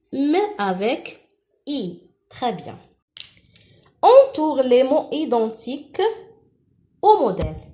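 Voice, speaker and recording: A woman teacher, leading a slow phonics lesson for young children, repeating and stretching syllables. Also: a little high, dark tone.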